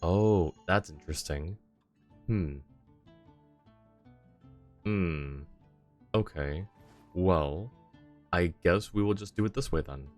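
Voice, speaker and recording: Late at night, a worn-out man streams a game, speaking slowly in a low-pitched voice and pausing often while faint music plays. His talk is loose gameplay chat, mumbled and easygoing, with game text read out loud.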